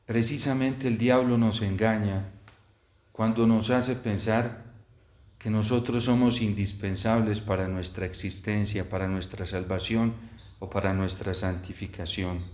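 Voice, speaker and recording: A man, a priest, celebrating Mass and preaching a homily in slow, measured phrases, heard with an echoey church reverb. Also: on the low side, fairly even intonation, darkish tone. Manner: slow, measured preaching with long pauses, rising in intensity.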